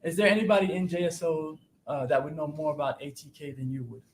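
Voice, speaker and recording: A man, a defense attorney, quickly questioning a witness from a courtroom podium with halting restarts, heard in a courtroom recording. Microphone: courtroom podium microphone. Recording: echoey courtroom, faint rumble.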